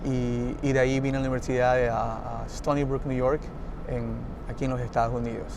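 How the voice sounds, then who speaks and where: A NASA engineer with an Ecuadorian Spanish accent takes part in a roundtable conversation, restarting often and laughing easily. His medium-pitched voice is gravelly and flat, fairly quick, over a noisy background.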